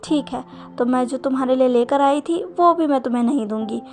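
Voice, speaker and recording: A woman voicing an affectionate, gently teasing mother in a storybook reading. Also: high-pitched, fairly quick, soft background music. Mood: fond. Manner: coaxing, affectionate.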